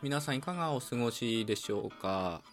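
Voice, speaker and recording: A man from Okayama with an Okayama accent, hosting a calm solo talk show and explaining things in a relaxed, chatty way with fillers. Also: medium pitch, brisk, faint music behind. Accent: Okayama dialect. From Okayama, Japan. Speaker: podcast host.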